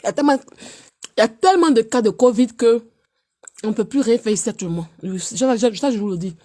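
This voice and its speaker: Fighting a cold, this woman keeps up a quick pace on her laid-back live stream. Her chatter jumps from loud teasing down to quiet murmuring.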